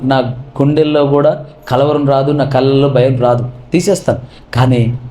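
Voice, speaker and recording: A pastor, a man with a slightly high but mellow voice, preaches with fervour. He keeps pressing his listeners with repeated rhetorical questions. The sound carries a roomy echo. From India. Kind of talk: sermon.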